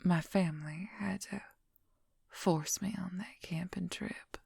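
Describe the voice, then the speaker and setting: In an ASMR role-play, a woman plays a possessive young werewolf woman, whispering very slowly and intimately in a husky, breathy voice crackling with heavy fry. Her tone is dark and on the low side, with fairly even intonation, heavily acted, confiding, and wistful. The sound is close and dry, with no room sound.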